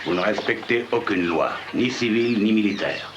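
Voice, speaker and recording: A man's voice: fairly low pitch, normal speed, highs cut off, noisy background, lightly acted. An actor playing a guarded, defiant man standing up to an officer in an adventure film. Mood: indignant. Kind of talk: dubbed adventure film acting. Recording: loud music behind.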